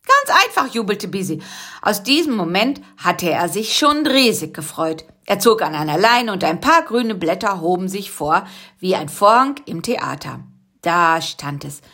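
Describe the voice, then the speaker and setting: A woman's voice: lowish voice, a bit bright. Woman reading a children's story. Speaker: audiobook narrator.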